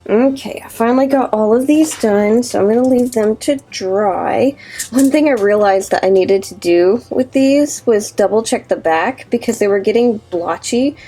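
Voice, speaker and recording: A woman casually chatting and thinking aloud while she works on art in a vlog, sometimes dropping to a soft whisper, a little sniffly. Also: a little high, moderate pace, distant mic, rough recording. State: sniffly from allergies. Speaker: artist vlogger. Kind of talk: casual crafting vlog chat. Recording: voice a little off-mic, faint music behind.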